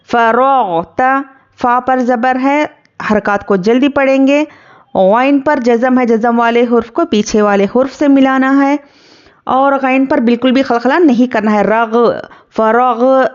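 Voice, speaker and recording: A woman's voice: on the high side, muffled recording. Patient woman teaching Quran recitation. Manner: patient, spells out letters and drawn-out recitation. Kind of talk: word-by-word tajweed lesson.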